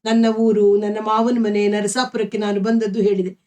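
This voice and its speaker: A woman storyteller reading a novel aloud with steady, expressive narration. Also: medium pitch, normal speed.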